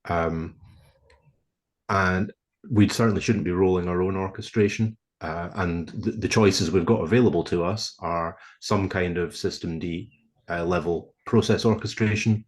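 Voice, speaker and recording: A man on a video call presenting a technical proposal to a committee, speaking in a measured, hesitant way with frequent ums and restarts. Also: low-pitched, steady tone. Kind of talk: presenting a proposal over shared slides. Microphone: computer mic on a video call.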